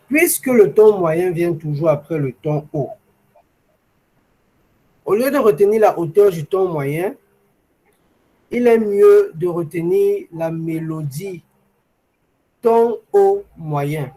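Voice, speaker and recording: Man, teacher, patient, repeats examples slowly, fairly high voice, video call. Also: dark tone, poor audio. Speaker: language teacher. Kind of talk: online class explanation.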